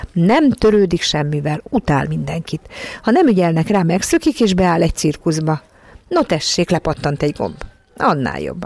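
A narrator reading a children's storybook aloud in an even, measured way. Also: mid-range voice, creaky, dry recording. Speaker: audiobook narrator.

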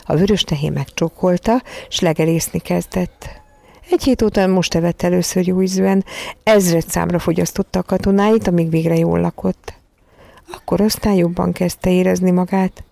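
A woman reading a children's storybook aloud in a calm, measured way. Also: on the low side, vocal fry, no room sound. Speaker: narrator.

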